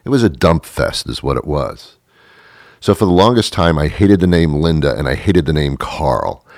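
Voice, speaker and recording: A man's voice: rumbling low, animated, moderate pace, a little mellow, dry recording, clean studio sound. A man in his thirties hosting a talk show, rambling through a sarcastic, self-mocking monologue that often trails off. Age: 30s.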